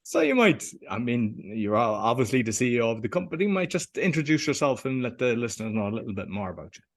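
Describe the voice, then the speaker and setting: A man's voice: mid-range voice, big pitch swings, quick pace. A man hosting a podcast, reading a promotional intro and then asking questions. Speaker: podcast host. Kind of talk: scripted podcast intro and interview.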